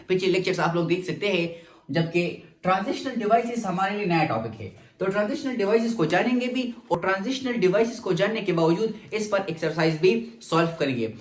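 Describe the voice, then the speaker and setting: A man's voice: high voice, echoey room. A man with a Pakistani accent teaching an English lesson to students, switching between English and Urdu and asking and answering his own questions. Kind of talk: lecturing students.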